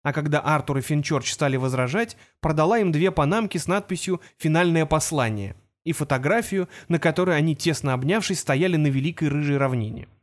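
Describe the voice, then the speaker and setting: High-voiced male audiobook narrator. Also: fast, hardly any pauses. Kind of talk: scripted narration.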